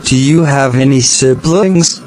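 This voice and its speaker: A man's voice: medium pitch, unhurried, a little mellow, a little hiss or hum. A man asking simple scripted questions in a repeated language-practice dialogue.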